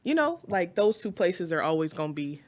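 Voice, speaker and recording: A woman's voice: fairly low pitch, big pitch swings, fairly quick, slight background noise. A woman, a podcast guest, speaking easygoing and a bit hesitant with many fillers. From Texas. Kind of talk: casual interview chat.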